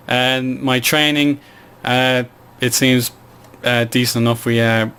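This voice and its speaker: A man talks through his game in a casual, halting way, stopping often for fillers as he thinks. His voice is clean and smooth. He keeps a fairly flat, even pitch. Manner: hesitant, many fillers. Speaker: game commentator. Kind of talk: casual gameplay commentary.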